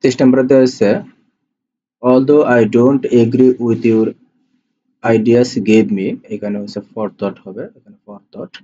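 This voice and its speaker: A man's voice: mid-range voice, level tone, takes it slowly, pauses often, dark tone. A man with a Bangladeshi Bengali accent working through exam questions as a tutor, reading each question and then repeating the answer. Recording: dull lo-fi voice-over with faint hiss.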